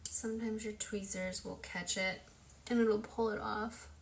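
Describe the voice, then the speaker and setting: A woman's voice: mid-range voice, fairly even intonation, a little slow, creaky. A young woman chatting casually while showing a makeup routine at home, talking as she works and poking fun at herself. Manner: chatty, self-deprecating, talks while working. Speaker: makeup vlogger. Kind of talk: casual tutorial chat.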